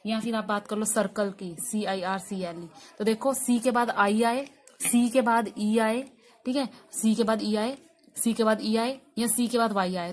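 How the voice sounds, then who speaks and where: A woman teaching a pronunciation class. She explains patiently, spells each word out letter by letter, and keeps checking in with her students. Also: mid-range voice. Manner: explains patiently, spells words out letter by letter, repeats "ठीक है" often. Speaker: English teacher. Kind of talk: online pronunciation lesson.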